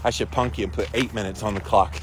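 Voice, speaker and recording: A man's voice: lowish voice, steady tone, fast talker. Encouraging man livestreaming over outdoor noise. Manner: encouraging, praising viewers. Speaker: livestream host of a daily ice bath challenge. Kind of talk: casual livestream chat, reading and answering viewer comments.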